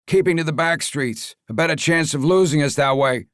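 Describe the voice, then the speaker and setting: A man's voice: a little high, expressive, a little fast, a bit bright, no room sound, clean studio sound, pitched above the performer's own voice. A man reading the audiobook voices a crude, swaggering mob henchman on a phone call. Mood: cocky. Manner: brash, swaggering.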